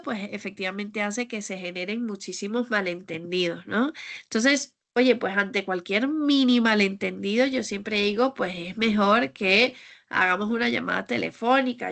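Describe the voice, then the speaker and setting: Woman coach w giving a training talk, kinda gravelly voice, lots of fillers and restarts. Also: mid-range voice, fairly bright tone. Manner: thoughtful, frequent fillers and restarts. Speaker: communication coach. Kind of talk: online training lecture.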